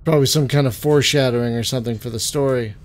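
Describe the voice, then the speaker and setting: A man's voice: medium pitch, fairly even intonation, racing. A man giving casual, offhand gameplay commentary as a let's play host. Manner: offhand, conversational. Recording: loud game noise behind voice.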